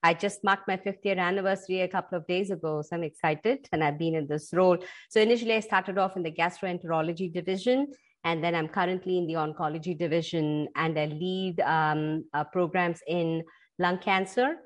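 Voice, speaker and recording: Middle-aged indian woman on a podcast, lowish voice, measured and clear. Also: fairly even intonation. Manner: articulate, explanatory, measured. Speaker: guest, pharma executive. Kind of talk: podcast interview.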